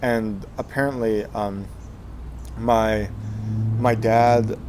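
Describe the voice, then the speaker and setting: A young man in his twenties with a lowish voice tells his life story, stopping and restarting often with plenty of ums. Faint noise sits under the recording. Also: fairly even intonation, extremely slow, a little mellow. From Texas, USA. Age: 20s. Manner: hesitant, many fillers and restarts. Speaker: interview guest. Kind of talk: casual life-story interview.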